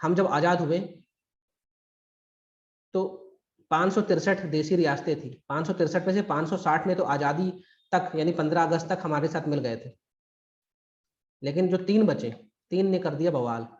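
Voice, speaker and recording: A man's voice: fairly high pitch, normal speed, long pauses, echoey room, lo-fi sound. A man teaching a live online history class for exam preparation, talking in a conversational, emphatic way. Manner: conversational and emphatic, acts out quotes. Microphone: recorded through a video call.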